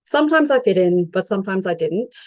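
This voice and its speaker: A young woman from Sri Lanka gives a prepared mental health advocacy talk by video call, reading steadily. Her medium-pitched, darkish voice is expressive and fairly quick, with no room sound captured.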